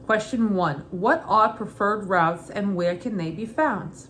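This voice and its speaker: A woman's voice: mid-range voice, measured pace, fairly bright tone, slight background noise, lightly acted. A woman putting on her mother's Brooklyn accent to read out quiz questions in an exaggerated way. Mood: quizzing.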